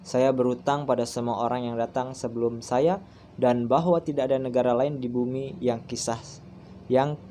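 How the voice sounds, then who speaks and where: A man's voice: mid-range voice, steady tone, normal speed, dark tone, a little hiss or hum. A young man in his twenties, a university student giving a recorded class presentation, speaking hesitantly with frequent fillers and restarts. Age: 20s.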